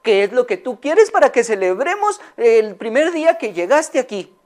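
A woman voicing a doting lady who adores her pet hen, in a high, sweet, cooing voice. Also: very animated, moderate pace, a little mellow. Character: doting older woman, hen owner, loving.

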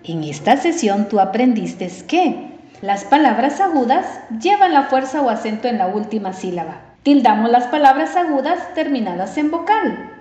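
A woman teacher giving a recorded lesson, speaking slowly and deliberately and stretching out her example words. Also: fairly high pitch, big pitch swings, dark tone. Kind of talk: recorded distance-learning lesson. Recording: roomy, slightly dull sound.

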